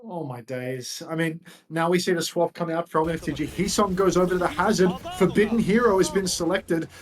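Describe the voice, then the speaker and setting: A man's voice: a little high, a little fast. A man giving live esports play-by-play as a caster, full of slang and chatty asides.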